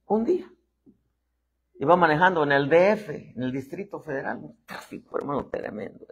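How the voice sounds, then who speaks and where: A man's voice: a little high, normal speed, slightly rough. A man preaching a sermon. He acts out voices and keeps calling the listeners "hermano". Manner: animated preacher acting out voices, constantly saying "hermano". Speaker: apostle preaching.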